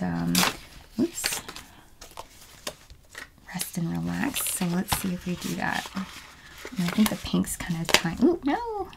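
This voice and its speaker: A woman with a fairly low voice and vocal fry chats casually while crafting indoors at home for her planner video, with slight background noise. She narrates as she works, talks to herself, and often trails off into murmurs.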